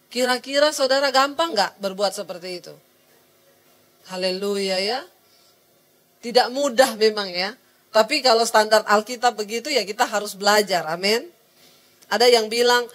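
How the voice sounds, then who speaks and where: A middle-aged woman, preaching a sermon to a women's service, telling a story and acting out its people, with frequent call-outs to the congregation. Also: medium pitch. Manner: acts out the people in her story.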